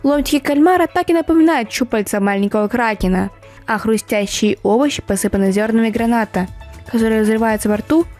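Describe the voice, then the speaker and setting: A woman with a fairly high voice narrates a travel vlog in a scripted, playful manner, spinning everyday details into small fantasy tales. Soft music plays faintly underneath her. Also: brisk. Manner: playful, storybook-like wording. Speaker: travel vlogger.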